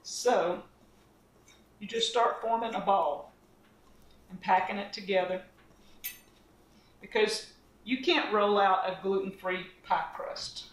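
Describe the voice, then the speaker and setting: A middle-aged woman who runs a cooking channel demonstrates a recipe in her home kitchen, chatting in a homespun way while mixing dough by hand. Her mid-range voice is slow and often pauses, and the camera across the counter picks her up at a distance in the roomy kitchen.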